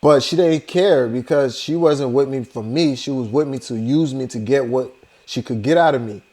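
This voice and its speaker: A man's voice: medium pitch, normal speed, darkish tone. A young man, casually telling a personal story to his vlog audience, laid-back and loose, full of "you know" and "like". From Liberia. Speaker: vlogger.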